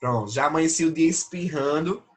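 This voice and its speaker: In his online lesson, a Brazilian Portuguese-accented teacher explains how essays are assessed, point by point, stopping often to check on the class. His voice is a little high and brisk, with nasality caused by allergic rhinitis.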